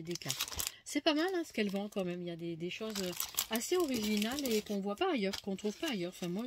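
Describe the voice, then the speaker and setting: A woman's voice: mid-range voice, noisy background. A woman giving casual unboxing commentary on her craft purchases, chatty and hesitant, thinking aloud with many fillers. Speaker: craft vlogger showing a haul. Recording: loud crinkling of packaging and clicks.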